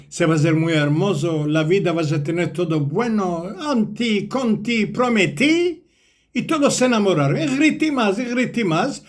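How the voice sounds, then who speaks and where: A man's voice: on the high side, pitched below the performer's own voice, lightly acted. A man doing a boastful cheerful donkey. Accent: Ladino. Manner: boastful, lively.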